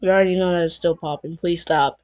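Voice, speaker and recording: A woman voicing an excitable plushie that reacts to a video with sarcastic, exasperated remarks. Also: fairly low pitch, quick pace, noisy background, close to an everyday voice. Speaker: reaction commentator.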